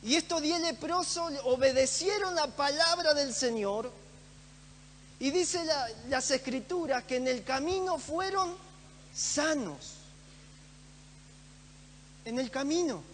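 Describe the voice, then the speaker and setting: A man's voice: very high-pitched, expressive, slow, pauses often, a bit bright. A man preaching a sermon in a church, earnest and emphatic, repeating phrases for stress. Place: church hall. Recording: echoey church hall with faint hum.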